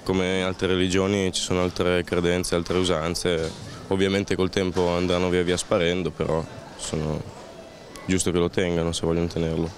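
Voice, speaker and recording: A man in his thirties giving calm, reasoned answers into a handheld mic on a busy town street. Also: deep voice, normal speed. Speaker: street interviewee. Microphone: handheld interviewer mic.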